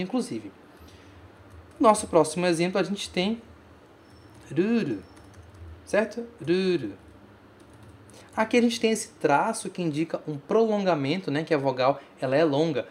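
Brazilian-accented language teacher, mid pitch, patient, repeats words for the learner in a recorded lesson. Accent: Brazilian Portuguese. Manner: patient, repeats example words slowly to model pronunciation.

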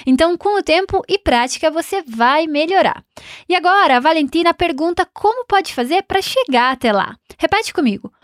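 A woman teaching a recorded language lesson. She encourages the learner and slowly models pronunciation for them to repeat. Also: very high-pitched, lively intonation, no room sound, studio quality.

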